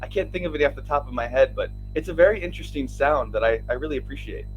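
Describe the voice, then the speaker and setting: A man's voice: medium pitch, animated, rapid-fire, muffled recording, faint music behind. Friendly Midwestern man tutoring. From Minnesota, United States. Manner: friendly, laughs often, asks easy questions. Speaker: English tutor. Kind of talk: casual conversation. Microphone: video call.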